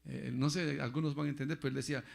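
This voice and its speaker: A pastor preaches a sermon in a racing, gravelly voice of medium pitch with fairly even intonation. He repeats phrases and often calls listeners "brother," getting loud for emphasis and going quiet for asides.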